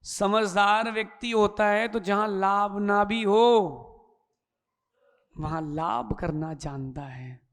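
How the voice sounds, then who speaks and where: A Jain monk giving a sermon, telling folksy stories and acting out the characters in a lively way. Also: male voice, sits high, slow. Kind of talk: sermon with storytelling. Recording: long hall reverb.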